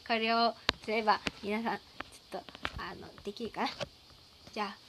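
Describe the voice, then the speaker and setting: A woman's voice: medium pitch, steady tone, a little fast, noisy background. A teenage girl chatting on a live stream, reading out fan names and thanking viewers in a playful, chatty way, recorded indoors at home. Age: teens. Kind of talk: casual live stream chat.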